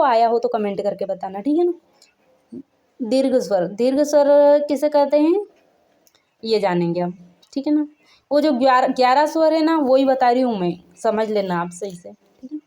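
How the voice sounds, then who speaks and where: Chatty woman teaching with a mellow voice. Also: sits high. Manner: repeats "theek hai na" after each point, asks the viewer questions; stretches out sounds to show how long they are. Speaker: Hindi grammar teacher. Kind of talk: casual classroom-style lesson.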